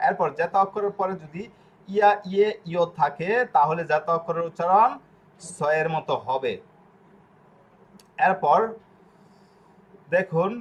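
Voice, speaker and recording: A man teaching an online language class, explaining slowly, repeating himself and often pausing on fillers. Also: on the high side. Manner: slow, repetitive explaining with frequent fillers.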